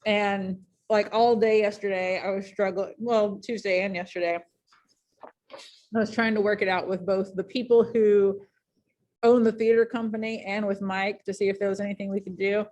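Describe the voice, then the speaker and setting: A woman teaching a high school English class in a casual, chatty way, full of ums and likes, speaking in a classroom. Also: steady tone, normal speed, darkish tone. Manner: chatty, many fillers like um and like.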